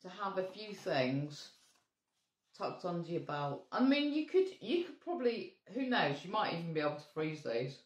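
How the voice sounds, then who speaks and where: A woman's voice: fairly low pitch, sing-song, normal speed, reverberant. A woman co-hosting a casual vlog, chatting with friendly asides. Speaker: vlog co-host. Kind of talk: casual chat.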